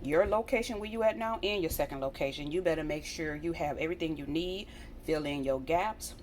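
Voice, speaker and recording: A woman's voice: low voice, brisk, a little hiss or hum. An American woman vlogger talking casually and earnestly straight to her viewers, repeating phrases for emphasis. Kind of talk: casual direct-to-viewer chat.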